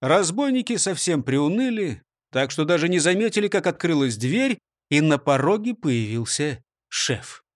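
A man's voice: on the high side, moderate pace, dry recording, clean studio sound. A man narrating a children's storybook, speaking directly to the listener. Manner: lively, talks to the listener.

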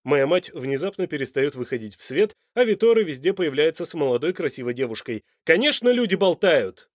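Brief: male narrator doing a loud, sharp-tongued young man, audiobook, middle pitch. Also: fast, no room sound, clean studio sound, close to an everyday voice. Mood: angry. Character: young man, hot-tempered, protective son.

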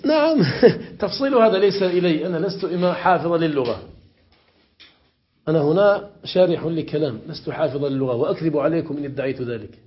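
A man teaching Arabic grammar in a classroom lesson, questioning his students and repeating examples slowly. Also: fairly high pitch, lo-fi sound. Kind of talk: classroom lesson explaining morphology.

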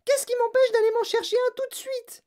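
A woman voicing a spoiled rich little girl who whines, demands and yells in a very high voice. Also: moderate pace. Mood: demanding. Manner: whining, demanding, yelling.

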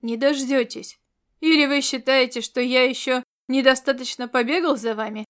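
A woman's voice: on the high side, fairly even intonation, moderate pace, a bit bright, close to an everyday voice. A woman voicing an angry male military commander who snaps curt orders. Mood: sarcastic.

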